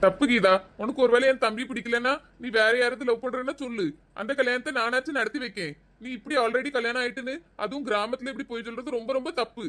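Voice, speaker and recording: A woman playing a kind young village man, talking gently and comfortingly to a friend. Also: fairly high pitch, quick pace, close to an everyday voice. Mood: pleading. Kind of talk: village comedy sketch.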